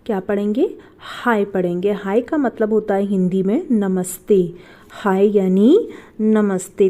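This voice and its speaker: Mellow-voiced woman teaching slowly. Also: on the high side. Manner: patient, asks the class and repeats each answer. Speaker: English teacher. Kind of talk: step-by-step spelling and pronunciation lesson.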